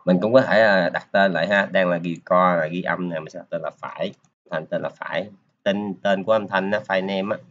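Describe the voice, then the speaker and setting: A man's voice: low voice, fairly even intonation, brisk, a bit bright, dull audio. A man giving a casual screen-recorded coding lesson, talking his way through each step with lots of filler particles. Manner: casual, talks while clicking through steps, many filler particles. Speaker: programming teacher.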